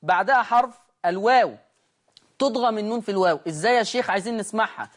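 Egyptian man teaching Quran recitation rules. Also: high voice. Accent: Egyptian Arabic. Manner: slowly draws out each recited example, then explains briskly to the class; addresses the class directly and checks they follow. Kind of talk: tajweed lesson with recited examples.

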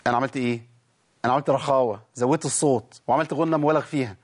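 A man with an Egyptian accent teaching tajweed on a TV show, lively, talking straight to the viewers and drawing out sounds slowly to demonstrate them. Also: medium pitch. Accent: Egyptian Arabic. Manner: lively explaining, addresses the audience directly. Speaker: Quran recitation teacher.

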